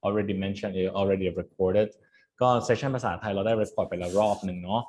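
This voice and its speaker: A man's voice: sits low, fairly even intonation, very fast, warm tone, a little hiss or hum. A man with a Thai accent leading an online training session, chatting informally and switching between Thai and English.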